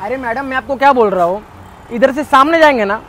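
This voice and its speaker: A man's voice: extremely high pitch, fast talker, fairly bright tone. Pushy, pleading man on a noisy street. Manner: pleading, pushy, repeats himself. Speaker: prankster host. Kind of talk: street prank chat. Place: busy street outdoors.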